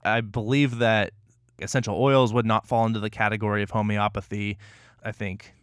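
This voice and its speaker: Low smooth guy on a podcast, calm and a bit wry, dry close mic. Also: moderate pace, no echo. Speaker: podcast co-host. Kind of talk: casual explanatory podcast chat.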